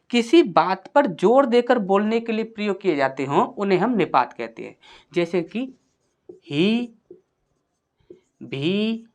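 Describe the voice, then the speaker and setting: Lively-pitched woman teaching grammar. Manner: asks questions and answers them herself; reads example sentences slowly and deliberately. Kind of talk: exam-prep grammar lesson.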